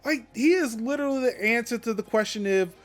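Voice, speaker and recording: A man's voice: extremely high pitch, a little fast, soft background music. A man hosting a tech podcast, ranting casually and cursing freely, with fillers between thoughts. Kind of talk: casual commentary.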